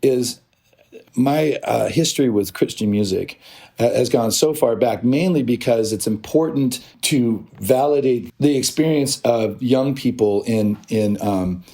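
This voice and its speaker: This podcast guest, a man in his fifties from Oregon, USA, rambles through animated stories in casual chat, often restarting his sentences. He speaks with a medium pitch at a slightly slow pace.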